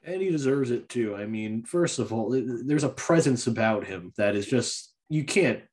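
A man co-hosting a casual podcast chat, laid-back and quick to laugh. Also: medium pitch, lively intonation, a little mellow. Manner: laid-back, laughs often, jokingly plays a brash wrestler. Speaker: podcast co-host.

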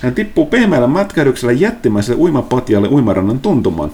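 A man from Finland who runs a tabletop game as game master, narrating the scenes with animated storytelling. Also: mid-range voice.

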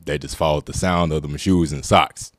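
A man playing a slangy, deadpan everyday guy and uncle in comedy skit banter. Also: extremely low pitch, normal speed.

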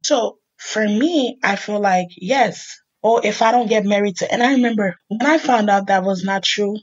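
A middle-aged woman telling her life story in a candid, animated conversation, acting out the people she quotes. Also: medium pitch, normal speed, muffled recording. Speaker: podcast host sharing her life story.

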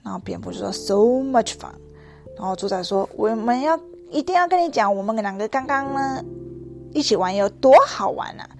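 A bubbly, playful young pig from a children's picture book, as a woman reads her lines aloud. The voice is eager and bouncy, pitched above the reader's own. Soft music sits faintly behind. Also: expressive, moderate pace, vocal fry. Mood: cheerful.

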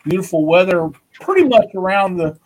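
A man's voice: high voice, very animated, moderate pace, slight background noise. A man hosting a casual live stream, upbeat and greeting viewers by name.

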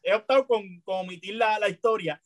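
High-voiced man, dry sound. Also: brisk, no echo. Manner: hesitant, many restarts and fillers, animated when telling a story. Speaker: storyteller in a conversation. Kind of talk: casual chat.

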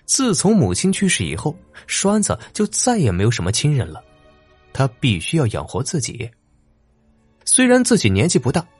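A man narrating a dramatic story in an expressive voice. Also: husky, no echo. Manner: expressive, swinging pitch. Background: faint music.

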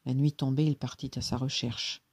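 Husky-voiced narrator for a read-aloud folk tale, gentle and even. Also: mid-range voice, moderate pace. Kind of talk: storybook reading aloud.

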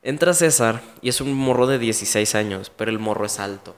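A man's voice: mid-range voice, brisk, big-room sound. Mexican man telling a blunt, slangy story. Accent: Mexican Spanish. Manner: blunt, slangy, emotional retelling. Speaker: guest. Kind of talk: casual storytelling in an interview.

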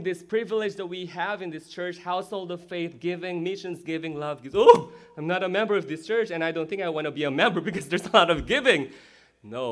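A male pastor giving a lively sermon in a church and checking in with the crowd as he goes. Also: a little high.

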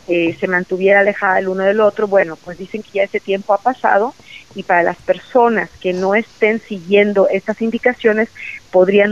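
Woman reporter calling in live, steady newsy tone, dull phone-ish sound. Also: mid-range voice. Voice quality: measured, informative, with fillers. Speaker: news reporter. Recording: muffled phone-like line.

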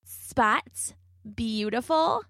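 A woman's voice: on the high side, very animated, very slow, creaky, bright, forceful tone, dry recording, studio quality, pitched above the performer's own voice, exaggerated voice. A woman voicing a proud zebra who scoffs with dismissive scorn. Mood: scornful. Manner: snorting, dismissive.

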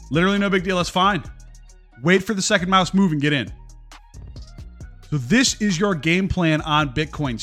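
A man with a slightly raised pitch talks through the markets in a casual live stream, blunt and given to swearing. He answers his viewers' chat comments as he goes. Soft music sits faintly in the background.

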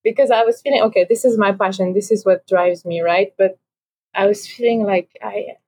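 A woman's voice: mid-range voice, normal speed, dark tone, breathy edge. A young woman from France, a guest on a podcast, chatting casually over a video call with many fillers and restarts. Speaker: podcast guest, ocean educator. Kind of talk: casual interview conversation.

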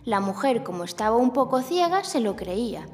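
A woman's voice: a little high, big pitch swings, normal speed, big-room sound. A woman speaking like a kids show host, narrating a scripted children's story to young listeners. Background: music.

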